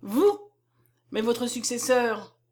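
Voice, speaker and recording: A woman reading the lines of a shrewd male provincial lawyer in an audiobook, brisk and self-assured. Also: a little high, expressive, a little mellow. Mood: persuasive. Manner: brisk, confident persuasion.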